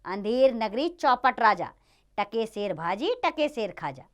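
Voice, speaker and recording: A woman's voice: on the high side, very animated, unhurried. A woman voicing a greedy, cheerful young male disciple who exclaims with delight in a children's play reading.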